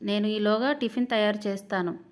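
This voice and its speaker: A woman voicing a caring middle-aged mother-in-law who fusses gently. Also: medium pitch, fairly even intonation, a little fast, natural voice.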